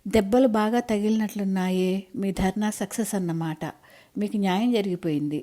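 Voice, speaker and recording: A woman voicing an angry young college-age daughter with a sharp, accusing, scornful way of talking in an audiobook story. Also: medium pitch, moderate pace, close to an everyday voice.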